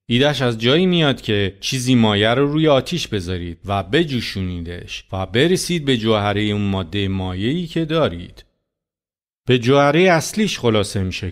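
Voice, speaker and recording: A man preaching a sermon as a pastor, talking conversationally and putting many rhetorical questions to his listeners. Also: on the low side.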